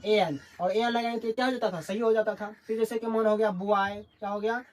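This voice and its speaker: This male tutor teaches English grammar in Hindi with a high-sitting voice, a steady tone, and a slightly fast pace. His classroom delivery is call-and-response, built on questions he keeps asking and then answering himself.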